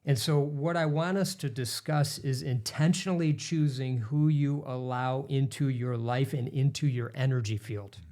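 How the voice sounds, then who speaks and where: A middle-aged man hosting a podcast, setting up the topic in a smooth, earnest way. His voice sits at an ordinary, medium pitch. He talks like a practiced presenter. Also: normal speed, few pauses, warm tone. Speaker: podcast co-host. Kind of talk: scripted podcast introduction.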